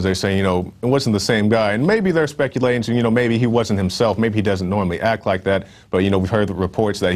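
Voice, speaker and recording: A male online show host giving emphatic news commentary, with casual asides and fillers. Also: fairly low pitch.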